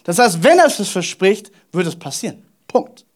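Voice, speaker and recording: A man preaching a sermon, swinging between loud emphasis and quiet asides, often repeating words and speaking straight to the listener. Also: high-pitched, sing-song, moderate pace. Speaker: pastor.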